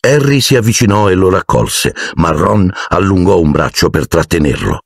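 A man narrating an audiobook in an expressive storytelling manner. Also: sits low, normal speed, gravelly, husky, no echo, clean studio sound.

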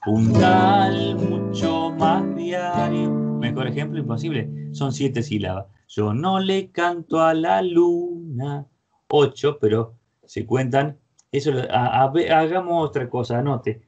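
A guitar and songwriting teacher gives an online lesson over a video call, explaining verse meter and singing short example lines between his explanations. His medium-pitched voice is warm and husky, though the audio sounds dull.

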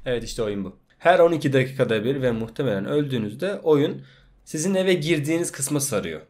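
A man from Turkey doing gaming reaction commentary for his channel. He cracks crude jokes and dubs the characters' lines as he plays. His pitch is animated and lively. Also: brisk. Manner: crude joking, dubs game lines in Turkish. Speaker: gaming YouTuber. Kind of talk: let's play reaction commentary.

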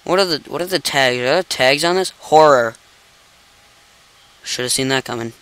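A man's voice: medium pitch, moderate pace, fairly bright tone, clear, resonant tone, no room sound, rough recording. A young man hosting a game commentary video, exasperated and incredulous, repeatedly exclaiming "no" as he plays at his computer. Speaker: gaming channel host. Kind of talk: let's play commentary.

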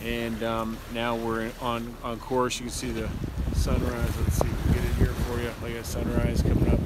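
A man in his forties vlogging to a handheld camera on a sailboat deck at sea, explaining things in a relaxed way with many fillers. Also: mid-range voice. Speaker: sailing travel vlogger. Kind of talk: casual vlog to camera. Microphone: handheld camera at arm's length. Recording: loud wind and water noise. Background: wind and waves.

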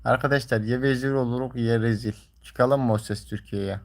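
A man's voice: medium pitch, fairly even intonation, fairly quick, a little mellow. A man livestreaming, talking casually and colloquially to viewers in a grumbling, teasing way. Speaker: live streamer.

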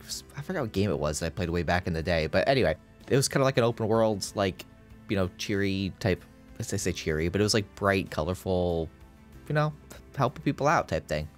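Male let's-play host, deep voice, rambling and casual, groggy morning voice, faint game music behind. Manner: rambling, many fillers and restarts. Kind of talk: casual gameplay commentary.

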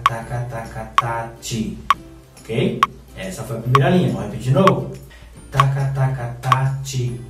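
A man's voice: mid-range voice, a little mellow, heavy reverb, distant mic. A man with a Brazilian Portuguese accent, a patient music teacher who speaks rhythm syllables aloud in an online lesson.

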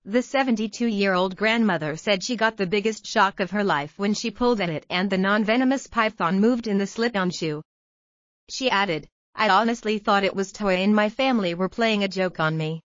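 A woman narrating a news story in an even, measured scripted read. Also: medium pitch, no room sound, muffled recording.

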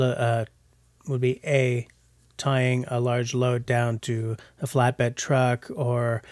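A slightly mellow, medium-pitched voice carries this casual vlog voice-over by a bushcraft vlogger in his forties. He's playful and self-mocking as he narrates. The recording is dry and studio quality, done on a voice-over mic instead of outside.

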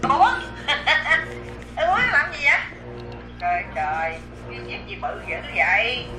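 A woman's voice: on the high side, big pitch swings, moderate pace, echoey room, loud music behind the voice. An older woman, a grandmother on a video call, talking fondly and exclaiming over her grandchild.

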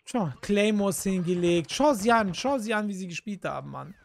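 A man's voice: high voice, animated, normal speed, creaky. A man, chatting casually and swearing while streaming a game from a close desk mic. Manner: grumbling, swearing, slangy. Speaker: gaming streamer. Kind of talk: casual live gameplay chat. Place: indoor room at a gaming setup. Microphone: desk microphone close up, with headset.

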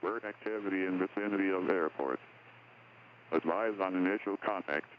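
Sex: man. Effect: airport weather broadcast over tinny radio. Pitch: deep. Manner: measured recitation. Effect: airport weather broadcast over aircraft radio. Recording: tinny radio with faint hiss.

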